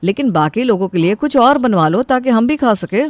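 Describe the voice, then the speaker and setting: A woman voicing a calm grown son in a storybook tale, talking softly and trying to keep the peace. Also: fairly high pitch, fairly quick, no room sound, natural voice. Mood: placating. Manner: soft and placating. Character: calm grown son, mild father of the house.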